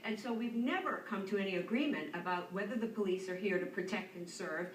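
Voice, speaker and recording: A woman who is a guest on a TV panel, making a measured, explanatory argument, heard as it plays from a TV speaker and is recorded again. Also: medium pitch. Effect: played from a TV speaker and re-recorded. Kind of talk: panel discussion. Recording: echoey distant TV-speaker audio, faint noise.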